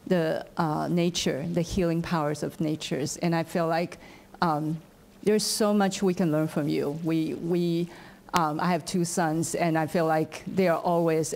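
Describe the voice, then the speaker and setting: Halting woman panelist, low-pitched. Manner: halting, searching for words, warm laughs. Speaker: teacher, panelist. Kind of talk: panel discussion.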